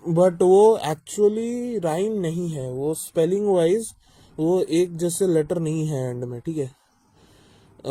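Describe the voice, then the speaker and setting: A man's voice: a little high, warm tone, dry recording. A man hosting a reaction video who breaks down rap lyrics in a casual, teacherly way. He thinks aloud with frequent fillers and restarts, drops English terms into his talk, and often checks that listeners follow. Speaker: music reaction video host.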